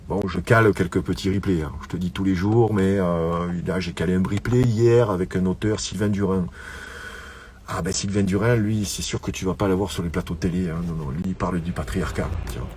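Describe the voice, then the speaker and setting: Speaking in a low-pitched, slightly mellow voice over slight background noise, a middle-aged man addresses viewers of his own online show. His casual solo monologue rambles, with repeated words and stumbles throughout.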